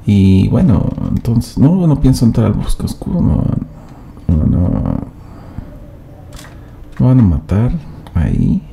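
A man's voice: on the low side, huge pitch swings, slow, creaky, pauses often, mellow. A man doing live gameplay commentary as a streamer, chatting and teasing his viewers directly. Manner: chatty, addresses chat directly, teasing banter.

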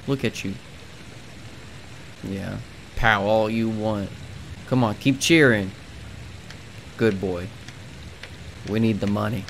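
A young man giving jokey, playful commentary on his video game, sometimes yelling in mock panic. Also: on the low side, takes it slowly, gravelly, pauses often, slight background noise. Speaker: gaming video creator. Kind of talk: comedic gameplay commentary. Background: game music.

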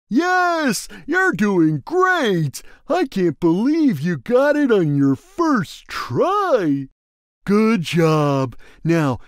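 Big gentle game cat, slow drawling speech, high voice, bouncing sing-song pitch, friendly and simple. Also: male voice, no echo, clean studio sound, heavily acted. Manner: slow, friendly and simple-minded, drawn-out words. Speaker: video game character. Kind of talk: game voice lines.

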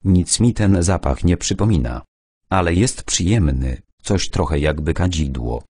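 A man reading a wry older gentleman with a cold. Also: low-pitched, animated, a little slow, breathy edge, no echo, studio quality, full character voice. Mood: amused. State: stuffy cold.

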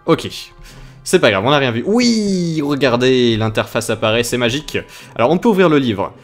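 A man's voice: medium pitch, fast talker. A young French man casually commenting on his game for viewers, playful and chatty, with game music behind him. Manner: chatty, playful, talking to viewers while playing. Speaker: gaming video host. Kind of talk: casual Let's Play commentary.

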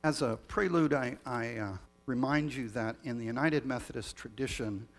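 A male pastor leading a communion liturgy in a measured, solemn way, heard with a long cathedral-like echo. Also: mid-range voice. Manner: measured, solemn liturgical reading with small restarts. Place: church sanctuary. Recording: long reverb of a large church.

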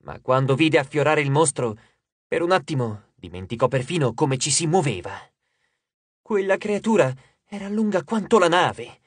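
A man narrating an audiobook in a lively, dramatic storytelling manner on a studio microphone. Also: a little high, no room sound.

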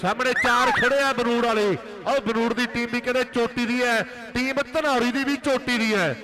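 A man's voice: very high-pitched, steady tone, moderate pace, a crowd in the background. A man with an Indian Punjab accent delivering frantic rural sports commentary at a kabaddi tournament, exhorting and repeating his phrases. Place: live commentary at a village kabaddi tournament ground.

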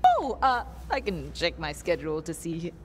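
A woman's voice: lowish voice, huge pitch swings, moderate pace, slight background noise. A woman voicing a nervous, awkward scientist who hesitates and stammers. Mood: flustered.

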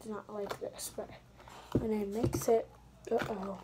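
A woman's voice: mid-range voice, flat delivery, a little slow. A female vlogger casually chatting to viewers from her bedroom while making slime, rambling with apologetic asides. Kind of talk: casual vlog chat to viewers. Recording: crinkling and clicking noise behind voice.

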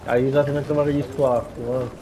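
A man's voice: medium pitch, flat delivery, a little fast. A man chatting casually with friends while playing a video game over a noisy voice chat.

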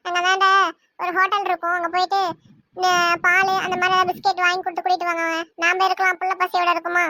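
A woman's voice: extremely high pitch, monotone, fast talker, bright, forceful tone, dry recording. A woman voicing a caring cartoon grandmother. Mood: soothing. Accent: Kanyakumari Tamil. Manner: reassuring, scolding when needed. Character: caring grandmother, soothing and firm.

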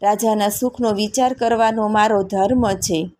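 A woman's voice: medium pitch, steady tone, moderate pace, a little mellow, natural voice. A woman voicing a loyal young male servant in a storybook reading, answering steadily and respectfully.

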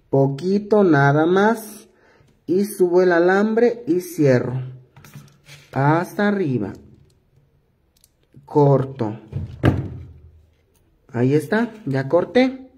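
Slow, husky-voiced man with a cough. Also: fairly high pitch, dark tone. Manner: patient, repetitive step-by-step instructing. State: hoarse from a cough. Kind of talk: hands-on craft tutorial.

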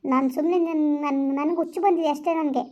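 Skit: woman playing a hurt young girlfriend, very high, fast and reproachful, dull lo-fi sound. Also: fairly even intonation, darkish tone, lightly acted. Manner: reproachful, repeats herself. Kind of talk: village skit phone-call acting.

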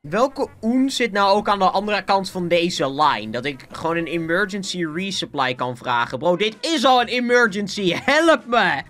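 A gaming channel host giving Let's Play commentary, excitable, often yelping and laughing, and peppering their speech with English slang. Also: mid-range voice, normal speed, hardly any pauses.

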